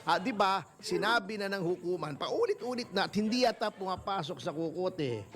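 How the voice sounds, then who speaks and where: Lawyer guy w a high voice, blunt and mocking, chuckles while he talks, faint music behind. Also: expressive, moderate pace, a bit bright. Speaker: lawyer guest. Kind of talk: casual interview talk.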